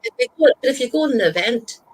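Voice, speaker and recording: A woman's voice: high voice, wildly swooping pitch, fast talker, a little mellow, husky, poor audio. A woman who is a guest on a casual video-call chat, talking in a chatty, rambling way with plenty of "you know" and small laughs. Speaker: guest, paranormal investigator. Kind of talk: casual live-stream chat.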